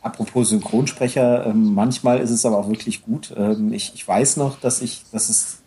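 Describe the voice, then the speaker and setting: A man co-hosts a casual podcast chat, talking at length and rambling with frequent restarts and hesitations. His voice is fairly low, warm and husky, with a steady tone at a moderate pace.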